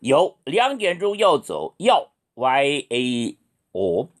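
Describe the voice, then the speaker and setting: Slow, lively-pitched male language teacher. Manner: models each sound slowly, then explains. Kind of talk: slow beginner language lesson.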